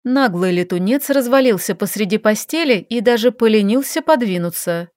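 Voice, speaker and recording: A woman reading a novel aloud in a lively scripted narration. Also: medium pitch, normal speed, no echo, clean studio sound. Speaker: audiobook narrator.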